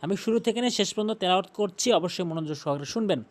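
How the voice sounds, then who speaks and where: A high-voiced man with lively intonation gives a tajweed pronunciation lesson, walking through common mistakes. Between explanations he chants example words slowly and drawn out, repeating every sound several times.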